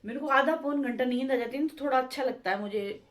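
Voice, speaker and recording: A woman's voice: high voice, fast talker, noisy background. A middle-aged woman chatting casually to viewers in a home vlog, homely and talkative, often calling out "chaliye ji". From India. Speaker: vlogger.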